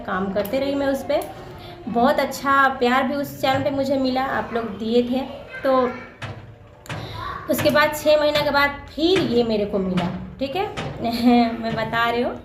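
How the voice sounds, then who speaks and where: A young woman vlogger tells her viewers a personal story in a casual, chatty way. She has a slightly high voice, repeats her phrases and acts out the lines of the people in the story. The recording is echoey, with a faint room hum behind her.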